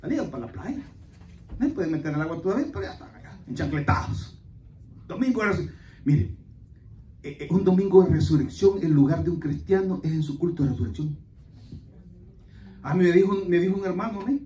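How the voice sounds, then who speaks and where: High-voiced preacher man in an echoey church. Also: a little fast, long pauses, a little hiss or hum. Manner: animated preaching with sudden loud exclamations; folksy storytelling to the congregation. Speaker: pastor. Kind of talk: Spanish-language church sermon. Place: church sanctuary. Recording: echoey church hall, mic at a distance.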